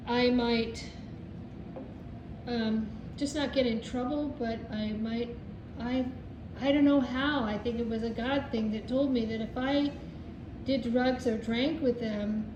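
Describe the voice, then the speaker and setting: An older woman giving informal personal testimony to a group, earnest, halting and meandering as she goes. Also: fairly high pitch. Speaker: recovery group member sharing. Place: echoey room, speaking to a group. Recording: echoey room with clear background noise.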